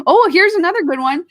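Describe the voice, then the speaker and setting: A woman's voice: extremely high pitch, dry recording. A woman with a Midwestern accent co-hosting a podcast, chatting casually, giggly and enthusiastic. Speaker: podcast co-host. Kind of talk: casual chat.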